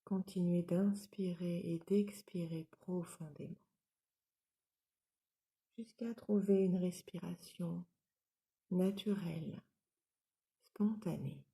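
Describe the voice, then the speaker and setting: A woman with a voice on the low side guides a yoga nidra relaxation as its instructor. Her instructions are calm, soothing, and measured.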